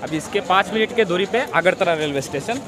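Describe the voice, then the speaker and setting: A man in his thirties from Tripura, India, casually talking to a phone camera held at arm's length as he walks through a busy outdoor railway station, chatty and relaxed. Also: high voice, brisk, music in the background. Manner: chatty, relaxed, guiding the viewer around. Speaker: travel vlogger. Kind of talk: casual walking vlog to camera. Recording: outdoor phone recording with crowd around. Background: crowd chatter and passing vehicles.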